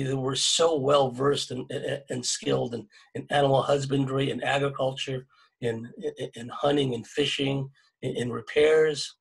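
A man's voice: medium pitch, creaky, breathy edge, low-quality recording. A middle-aged man from California speaking earnestly on a video-call panel, restarting phrases often and adding "right?" tags. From California, USA. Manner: earnest and exhorting, many restarts, tag questions. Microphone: webcam mic on video call.

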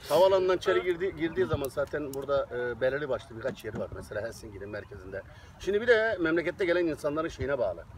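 A Turkish cook living abroad, interviewed outdoors amid crowd noise, chats casually and laughs easily about cooking for visitors. His voice is fairly high with lively intonation, and he talks quickly and ramblingly.

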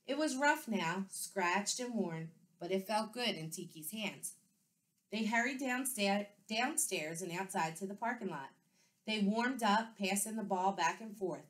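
A woman second-grade teacher reading a children's book aloud with clear, expressive storytelling. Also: mid-range voice, a little slow.

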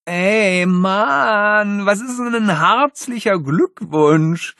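A man voicing a whiny, loud little boy in an audiobook. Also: medium pitch, very slow, clean tone, no echo, studio quality. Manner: whining, shouting.

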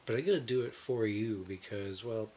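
A man talking from his bed through a breathing mask, his voice nasal and muffled, halting with many fillers. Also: fairly low pitch, darkish tone, slight background noise. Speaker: vlogger. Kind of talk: casual talk to camera. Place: bedroom, lying in bed.

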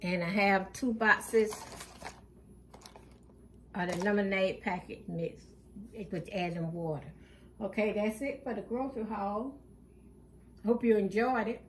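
A woman of medium pitch narrates a grocery haul for her channel, listing items one by one from home while off camera. She sounds plain and relaxed, using frequent fillers, and the recording has a little hiss or hum.

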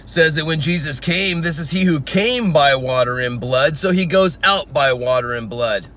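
A man's voice: on the high side, moderate pace, a bit bright, slight background noise. A man teaching the Bible informally outdoors in a garden, reading scripture aloud and explaining it verse by verse.

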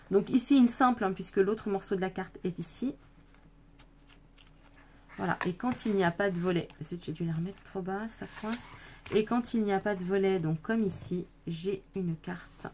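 A low, slightly mellow female voice comes through with a bit of hiss or hum. She's a scrapbooking creator chatting to her audience as she shows off a handmade album, with many fillers and self-corrections.

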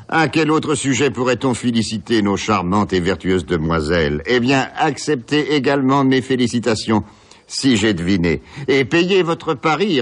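A man reading aloud as a cynical young man who mocks his father, laughing and sneering. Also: mid-range voice. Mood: mocking. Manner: mocking, laughing, quick shifts of tone. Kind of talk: dramatic reading of a novel.

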